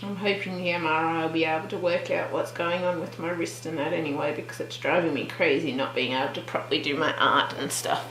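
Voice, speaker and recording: A woman hosting a relaxed real-time colouring tutorial, chatting and thinking aloud with trailing restarts as she works. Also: low voice, a little fast, hardly any pauses, a little hiss or hum. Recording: roomy echo with faint background music.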